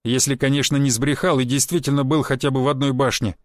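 A man voicing a tough, commanding mercenary chief who talks down gruffly. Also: medium pitch, little pitch movement, quick pace, dry recording, natural voice.

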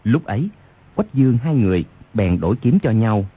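A man's voice: lowish voice, very animated, moderate pace, slightly rough. A man narrating a martial arts novel as an audiobook on radio, reading expressively. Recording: lo-fi radio recording.

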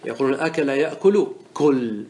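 A man's voice: medium pitch, lively intonation, brisk, noisy background. A man teaching Arabic morphology in a lecture, explaining verses step by step and often checking that listeners follow. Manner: patient explainer who asks rhetorical check questions; repeats and restarts words while thinking aloud. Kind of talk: classroom lecture explaining a didactic poem.

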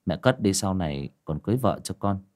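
A man voicing an easygoing young village son in a calm, low voice, in a spoken horror tale. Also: a little fast.

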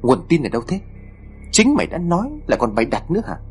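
A man's voice: on the high side, huge pitch swings, quick pace, soft background music, pitched above the performer's own voice. A man voicing a sluggish, sarcastic teenage boy who grumbles at his friend in a storybook reading. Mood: suspicious.

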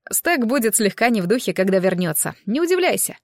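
A woman's voice: mid-range voice, sing-song, a little fast, no echo. A woman reading aloud, voicing a playful, joking young man in a dry recording. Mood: confiding. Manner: joking, bantering.

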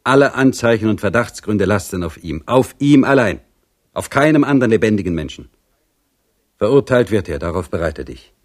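A man's voice: on the low side, lively intonation, moderate pace, voice pushed up. A man voicing a stern older general who dismisses a plea with cold authority. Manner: brusque, dismissive.

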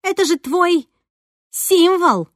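A woman voicing a jealous, sharp-tongued teenage girl who sneers and shouts. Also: very high voice, expressive, slow, no echo, clean studio sound, voice pushed up, exaggerated voice. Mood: mocking.

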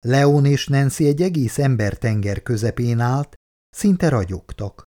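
A man narrating an audiobook novel in a measured, expressive reading. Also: medium pitch. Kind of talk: scripted narration.

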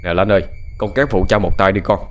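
Gentle, reassuring fisherman father in a ghost-story reading , played by a man, low and soft; faint music under. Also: steady tone, fast, lightly acted. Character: poor middle-aged fisherman father, gentle, soothing.

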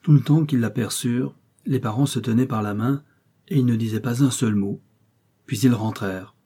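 Reading a classic short story as an audiobook, a male narrator speaks in a low, husky, dark and mellow voice at a measured, unhurried pace. He raises his pitch to voice the characters' lines.

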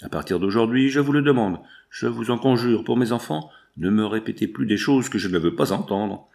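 A man reading an audiobook voices a young widowed mother, answering softly but firmly. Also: lowish voice, animated, a little fast, creaky. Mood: pleading. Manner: soft, restrained replies.

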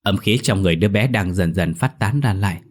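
A man voicing an older exorcist master who speaks in a measured, firm and grave way in a ghost story. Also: deep voice.

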